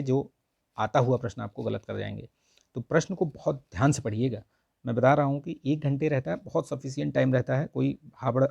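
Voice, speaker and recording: A man teaches an online Hindi grammar lesson for an exam, explaining patiently and coaxingly while saying "theek hai" over and over. His voice is medium-pitched, creaky, and a little mellow, with a breathy edge, and the recording is dry.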